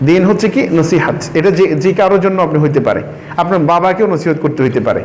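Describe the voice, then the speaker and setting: A man's voice: fairly high pitch, a little mellow, muffled recording, a little hiss or hum. A man teaching a Quran reading class, quizzing his students and repeating their answers. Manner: sounds out syllables slowly for drilling. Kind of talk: classroom lesson.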